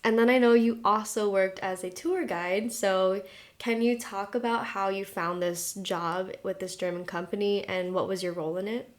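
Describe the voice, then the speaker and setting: A woman's voice: mid-range voice, fairly even intonation, normal speed. Chatty young woman podcast host. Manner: chatty, upbeat, laughs along. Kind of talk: casual interview chat.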